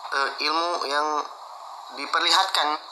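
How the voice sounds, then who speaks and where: A man with a very bright, sharp voice recounting events in a lively, conversational style. He fills pauses with "eh" and acts out the exchanges as he goes. Faint noise hums behind him. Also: a little high, rough recording. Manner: animated, acts out quoted exchanges, frequent "eh" fillers. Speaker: martial artist guest recounting events. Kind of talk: conversational storytelling.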